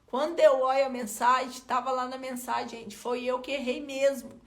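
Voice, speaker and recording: Brazilian lady telling a story in her self-help vlog, super high voice, colloquial, lots of "gente"-style asides to viewers. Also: normal speed. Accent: Brazilian Portuguese. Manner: expressive, colloquial storyteller addressing viewers directly. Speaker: self-help content creator. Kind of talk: motivational talk with personal story.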